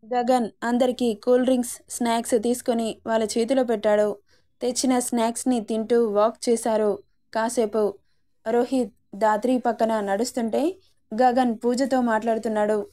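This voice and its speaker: A woman storyteller reading a romance serial aloud in a steady storybook manner. Her voice sits a little high and has a mellow, warm tone. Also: moderate pace.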